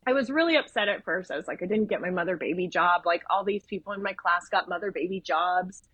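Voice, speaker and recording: A woman's voice: fairly low pitch, fast, husky, no echo, poor audio. A woman from Idaho, a podcast guest and nurse educator, telling stories in casual conversation and acting out the voices of people she quotes. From Idaho, USA. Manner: animated, acts out quoted dialogue with shifts in voice.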